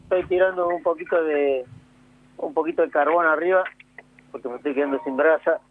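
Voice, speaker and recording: A man with an Argentine Spanish accent is a guest on a phone call, chatting casually from home by a grill and repeating his words as he talks. His voice is a little high and a little fast, with fairly even intonation and no room sound.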